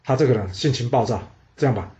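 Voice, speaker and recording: A man's voice: medium pitch, lively intonation, quick pace, mellow, lightly acted. Guy doing a sly noble wife talking her husband round, kinda muffled audio. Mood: scheming. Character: young noble wife, clever, persuasive.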